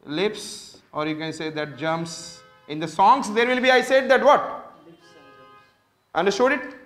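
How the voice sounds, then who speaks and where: A man's voice: high voice, steady tone, very slow, fairly bright tone, reverberant, faint music behind. A man with an Indian accent giving a classroom lecture, switching between English and Hindi and constantly quizzing his students with repeated questions. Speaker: teacher.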